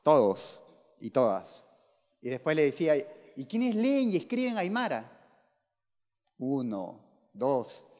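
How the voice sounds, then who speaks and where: A man presenting his novel to an audience, reading aloud and then telling anecdotes that he acts out with lively dialogue. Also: fairly high pitch, takes it slowly, long pauses. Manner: animated storyteller acting out dialogue. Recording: long hall reverb.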